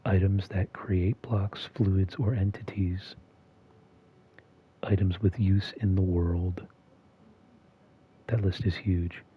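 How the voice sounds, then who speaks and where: A man hosting a video in a soft-spoken, half-monotone voice that is often whispered and slightly strained. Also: low voice, takes it slowly, long pauses, husky, lo-fi sound. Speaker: video host. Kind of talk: soft-spoken ASMR-style commentary.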